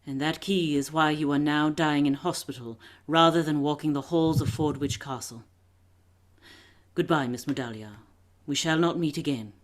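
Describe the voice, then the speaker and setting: A woman playing a shrewd, poised lady detective in a radio play, brisk, wry and self-assured. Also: low voice, natural voice. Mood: cool, stern.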